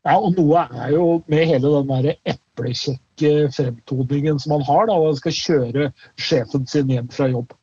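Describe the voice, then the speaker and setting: A male podcast co-host in casual chat, relaxed, with many fillers. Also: fairly high pitch, few pauses, breathy edge, dry recording, dull audio.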